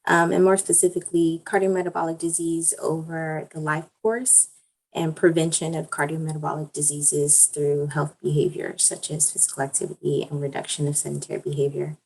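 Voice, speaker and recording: A woman's voice: deep voice, flat delivery, a little fast, vocal fry, a little mellow, husky, poor audio. A woman speaking carefully with many fillers as a doctoral-candidate panelist on a video call. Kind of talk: online panel talk.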